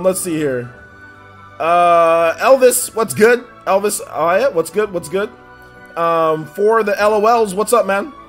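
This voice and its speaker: This livestream host, a man with a high-pitched voice, chats casually and fires off rapid, cheerful greetings to viewers by name, laughing a lot along the way. Faint background music plays, and his nose is a bit stuffy after being sick.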